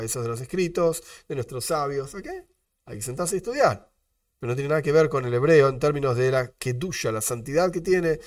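A man with an Argentine Spanish accent, teaching a religious lesson as a rabbi, animated, asking rhetorical questions and repeating his disclaimers. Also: fairly high pitch, no echo, clean studio sound, far from the mic.

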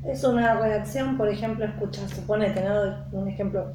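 A woman's voice: mid-range voice, normal speed. Woman in class, hesitant, far from mic, echoey noisy room. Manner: hesitant, searching for words. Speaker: class participant. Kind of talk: question in class.

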